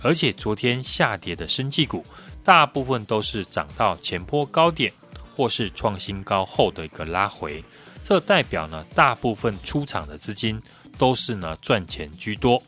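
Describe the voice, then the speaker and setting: A man's voice: lowish voice, big pitch swings, moderate pace, pushed and bright, faint music behind. A man with a Taiwanese Mandarin accent giving prepared stock market commentary as an analyst, explaining point by point.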